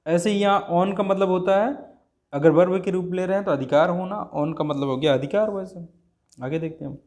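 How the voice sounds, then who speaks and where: Man, teacher, grammar lesson, step-by-step explaining, slightly high, mellow tone. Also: a little fast. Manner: explains step by step, often repeats "ठीक है ना".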